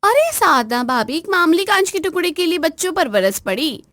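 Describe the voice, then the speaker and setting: A woman voicing a spoiled, bossy married daughter who nags and gives orders in a shrill, demanding way. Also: big pitch swings, moderate pace, bright, forceful tone, no echo, heavily acted. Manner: shrill, nagging, commanding. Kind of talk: acted family story narration.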